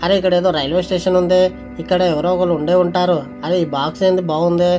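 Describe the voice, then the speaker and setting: Excitable man narrating a game. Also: high-pitched, quick pace, faint music behind. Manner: excitable, many exclamations. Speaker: gameplay narrator. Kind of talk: excited gameplay commentary.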